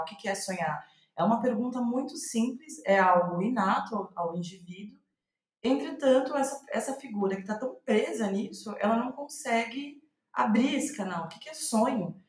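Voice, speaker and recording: A Brazilian woman, interviewed as a guest playwright, talks at a normal speed in a medium-pitched, expressive voice. She reflects conversationally, circling back to rephrase her thoughts as she goes. The recording sounds roomy, with noticeable echo.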